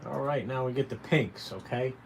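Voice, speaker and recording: A man with a medium-pitched voice talks at a normal speed, leading a casual, folksy drawing tutorial on a livestream. He's a caricature artist hosting the stream, speaking directly to viewers and encouraging them. Noisy room ambience is clearly audible in the recording.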